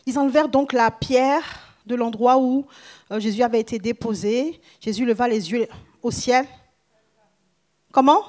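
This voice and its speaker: A woman preaching a sermon with Bible reading. She is dramatic, swinging between hushed whispers and loud exclamations, with chatty asides to the congregation. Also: fairly high pitch, normal speed, long pauses.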